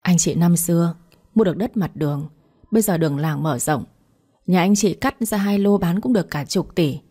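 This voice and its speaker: A woman's voice: fairly low pitch, moderate pace, warm tone, breathy edge. A woman voicing an aggrieved wailing wife. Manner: wailing, indignant. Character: aggrieved middle-aged village wife.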